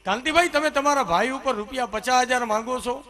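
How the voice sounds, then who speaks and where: A man doing a shrill, bold village wife. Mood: shouting. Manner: brisk, sharp, unafraid. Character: bold clever village wife, middle-aged woman. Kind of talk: storytelling in a religious discourse.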